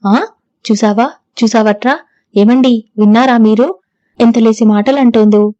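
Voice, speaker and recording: A woman narrator voicing an indignant, sharp-tongued older mother-in-law in an audiobook. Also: fairly high pitch, steady tone, unhurried, dry recording, muffled recording, close to an everyday voice. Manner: scolding, indignant. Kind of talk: audiobook character reading.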